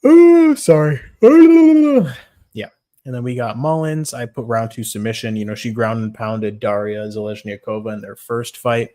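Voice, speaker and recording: Young male streamer, lowish voice, tired and laid-back, casual swearing, reading chat between picks. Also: brisk, hardly any pauses. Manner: relaxed, swears casually, greets chat by name. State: tired, yawning. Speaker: livestream host giving fight picks.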